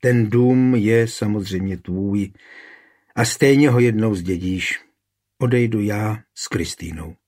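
A man voicing an aging, thoughtful father in an audiobook, in his own low, husky voice. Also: darkish tone, close to an everyday voice. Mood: tender. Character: aging father Jan, tender, thoughtful master smith.

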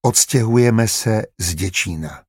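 A man voicing a calm, motherly grown woman in an audiobook. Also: lowish voice, breathy edge, no echo, clean studio sound. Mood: pleading, pointed.

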